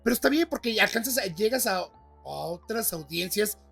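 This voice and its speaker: A man's voice: sits high, animated, moderate pace, gravelly, fairly bright tone, husky, soft background music. A man hosting a podcast, chatting casually with slang and praising his guest. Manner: slangy, admiring interviewer. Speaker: podcast host.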